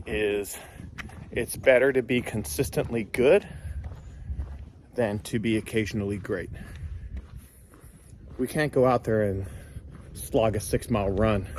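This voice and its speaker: A man's voice: lowish voice, darkish tone. Man giving casual fitness advice outdoors. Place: outdoors after a run. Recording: faint outdoor ambience and vehicle noise.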